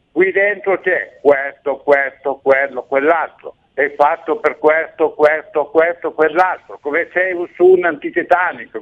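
A man calls in to a radio show, agitated, rambling and insistent, his voice riding fairly high with a lively, swinging pitch. He comes through a thin, tinny phone line. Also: vocal fry. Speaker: radio caller.

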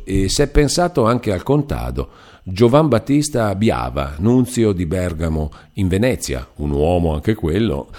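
A man voicing a warm-hearted, talkative male cousin, a foreman at a mill, in an audiobook reading. He talks in a chatty, rambling, good-natured way. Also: low-pitched. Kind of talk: audiobook character voice.

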